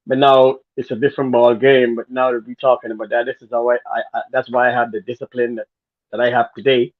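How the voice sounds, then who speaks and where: Here the Guyanese former dancer talks fast in a mid-range voice with little rise or fall in pitch, telling his story earnestly and ramblingly as a casual interview guest. The recording is dry, with a narrow, phone-like sound.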